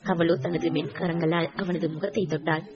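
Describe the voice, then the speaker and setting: A woman narrates a novel in a steady, measured way, with a voice set a little low. The recording sounds dull and lo-fi. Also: a crowd in the background. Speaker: audiobook narrator. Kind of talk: scripted narration.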